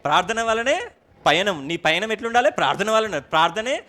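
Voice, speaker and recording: High-voiced Telangana preacher quizzing his church. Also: expressive, a little fast, bright, forceful tone. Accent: Telangana Telugu. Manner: questions the congregation often, mixes in English words. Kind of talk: sermon. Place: church service.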